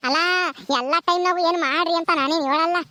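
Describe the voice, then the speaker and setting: A woman's voice: very high-pitched, steady tone, fast, bright, forceful tone. A woman playing an ailing, bossy village wife in a comedy skit, with a rural Karnataka Kannada accent and a nagging, scolding manner.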